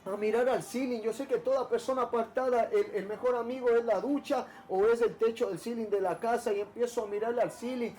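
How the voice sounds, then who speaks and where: A man recounts his testimony to a pastor in an earnest, emotional way. His voice sits high for a man, and he often stalls and repeats words before pushing on. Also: steady tone, dark tone. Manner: halting, with many repeated words and restarts. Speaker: church member giving testimony. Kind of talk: personal testimony told to a pastor.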